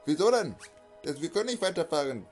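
A man voicing a flustered male train driver in a homemade audio story, making hurried excuses. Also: on the high side, big pitch swings, a little mellow, soft background music, voice pushed up.

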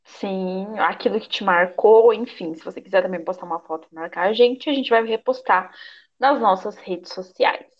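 A woman's voice: medium pitch, normal speed. A young woman with a Brazilian accent chats casually with a friend as a podcast co-host. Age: young adult. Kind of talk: casual chat between friends. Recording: slightly dull, lo-fi audio.

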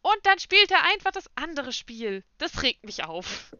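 Bright high-voiced young woman chatting. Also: unhurried, dry recording, dull audio. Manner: expressive, acts out quoted dialogue. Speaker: podcast co-host. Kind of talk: casual chat.

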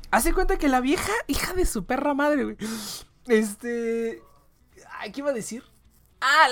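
A woman's voice: on the high side, no room sound. A young woman with a Mexican accent hosting a livestream, chatting and ranting casually, swearing freely and tagging her sentences with questions. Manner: slangy, swears freely, tags phrases with questions. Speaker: livestream host. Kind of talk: casual ranting chat with a guest.

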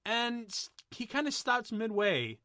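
A man co-hosting a podcast, chatting casually about a movie in an excitable, rambling way with plenty of swearing. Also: extremely high pitch, measured pace, dry recording, studio quality. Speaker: podcast co-host. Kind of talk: casual movie commentary chat.

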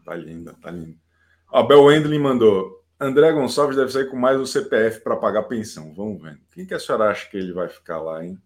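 A man hosting a live show in casual chat, excitable and swearing freely. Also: medium pitch, fairly quick, few pauses. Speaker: host.

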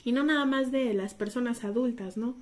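A talkative woman, her voice sitting a little higher than most. She chats casually as a podcast co-host and restarts her sentences often as she talks. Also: moderate pace, a little mellow. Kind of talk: casual conversation.

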